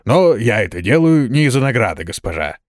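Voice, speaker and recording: A man's voice: medium pitch, sing-song, a little fast, no echo, clean studio sound, close to an everyday voice. A man reading the lines of a loyal, whiny male dwarf servant who complains a lot. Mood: dutiful. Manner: complaining, plaintive.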